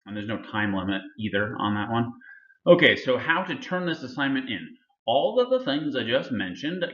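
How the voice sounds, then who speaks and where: A man's voice: mid-range voice, fairly bright tone. Male instructor, casual lab walkthrough, filler-heavy, echoey room, dull lo-fi sound. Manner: casual, filler-heavy, talking through slides. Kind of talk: recorded lab walkthrough lecture.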